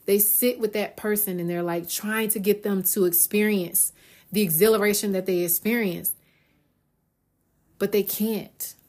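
Energetic woman giving a motivational talk. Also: mid-range voice, a little slow. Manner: energetic, acts out quoted voices, often says "right?". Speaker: podcast host and esthetics business coach.

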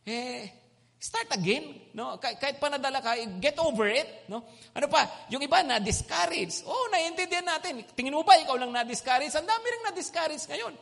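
A male preacher giving an animated sermon, mixing in English phrases and checking in with the crowd. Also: very high voice, normal speed, gravelly. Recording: long hall reverb.

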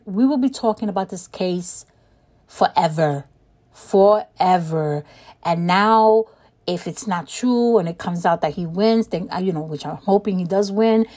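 A woman's voice: lowish voice, darkish tone, no echo. Older woman chatting casually, close dry sound. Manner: repeats words and phrases for emphasis; conversational, checks in with rhetorical questions. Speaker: solo commentator. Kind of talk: casual rambling chat.

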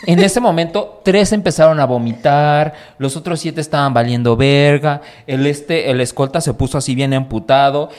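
A young man with a Mexican Spanish accent, co-hosting a podcast and telling a long story in an animated, swearing, casual way. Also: fairly high pitch, normal speed, few pauses. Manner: animated, swears a lot, acts out voices in his stories. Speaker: podcast co-host.

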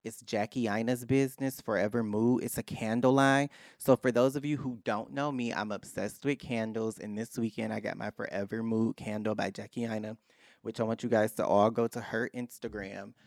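A man co-hosting a casual pop culture podcast, opinionated and quick to challenge with questions. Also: lowish voice, fairly even intonation, darkish tone, no room sound, clean studio sound. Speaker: podcast co-host. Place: podcast studio.

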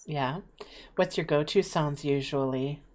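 In an unhurried, low voice, a young woman from Eastern Ontario, Canada, chats casually. She tells stories in a lively, chatty way, using many fillers.

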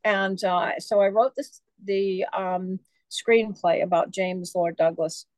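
A woman's voice: mid-range voice, fairly even intonation, takes it slowly, darkish tone, dry recording. A woman author being interviewed, telling long rambling stories with many fillers. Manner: chatty, digressive, many fillers. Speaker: author guest. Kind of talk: casual storytelling interview.

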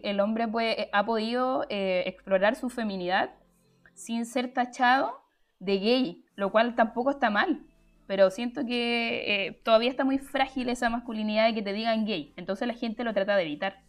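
A young woman hosts a live stream, explaining her points chattily and answering the chat, with frequent fillers and restarts. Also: on the high side.

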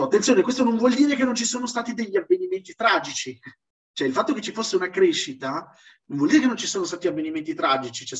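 A man giving an informal online lecture in an explanatory, emphatic way, like a teacher who keeps checking that listeners follow. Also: high voice. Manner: didactic, emphatic, often checking with "ok?". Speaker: lecturer in a religious history seminar. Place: live online seminar with chat. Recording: dull distant lo-fi microphone.

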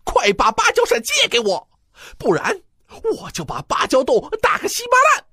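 A woman's voice: high-pitched, wildly swooping pitch, moderate pace, pushed and bright, no room sound, clean studio sound, full character voice. A woman voicing a cocky, mischievous male monkey king in a children's storybook, boastful and teasing.

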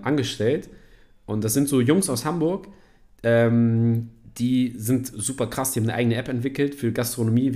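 A man in his thirties hosting a podcast in casual chat, animated and slangy, laughing often as he tells stories. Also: medium pitch. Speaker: podcast host.

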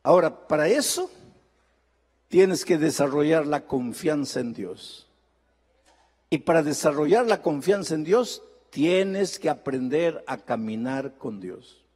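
High-voiced older pastor preaching from Peru. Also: male voice, darkish tone, slightly rough, in a large hall. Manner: emphatic preaching with rising and falling intensity. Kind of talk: sermon.

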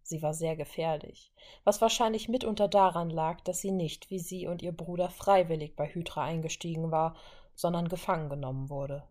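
A woman narrating a fan fiction audiobook in a steady reading voice. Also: low voice, normal speed.

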